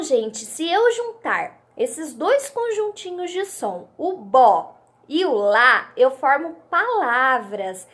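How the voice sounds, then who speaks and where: A young Brazilian teacher with a high, lively voice talks slowly and patiently to small children. She stretches each syllable, sings out her questions and lets her pitch rise and fall widely as she explains. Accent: Brazilian Portuguese. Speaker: primary school teacher. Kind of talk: children's literacy lesson.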